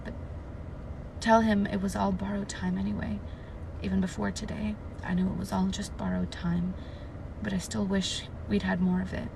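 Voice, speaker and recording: A woman reading out a young woman's tender parting message from a book, in a soft and wistful tone. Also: medium pitch, little pitch movement, normal speed, creaky, background noise, lightly acted.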